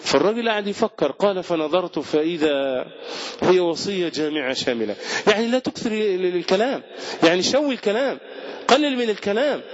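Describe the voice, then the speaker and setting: A man's voice: high voice, lively intonation, brisk. A man with an Egyptian Arabic accent giving a fervent Ramadan sermon as a sheikh, repeating words for emphasis. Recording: dull lo-fi recording.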